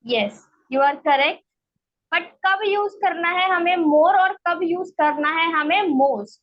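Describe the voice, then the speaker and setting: Female English teacher, very high pitch, slow and patient, keeps checking understanding; muffled online-class sound. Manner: explains step by step, checks understanding with "ठीक है?". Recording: dull lo-fi online class audio.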